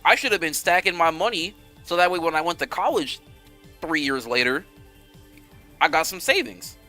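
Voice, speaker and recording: A young man chatting casually with his viewers on a game stream, animated and rambling, swearing freely. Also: on the high side, moderate pace, soft background music.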